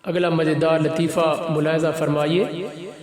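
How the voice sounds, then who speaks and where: A man with a high, light voice reads jokes one after another. He announces each joke, then reads out the lines of each character himself. The room has a roomy echo and a crowd murmurs behind him. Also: level tone, a little slow. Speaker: joke narrator. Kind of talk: scripted joke reading.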